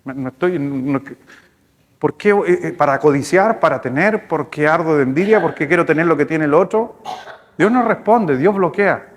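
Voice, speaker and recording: A male pastor with a Chilean accent, preaching a sermon in a lively, storytelling way, speaking to the congregation. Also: a little high, normal speed. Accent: Chilean Spanish. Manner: storytelling, animated, conversational with congregation. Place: church hall. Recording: long hall reverb in church.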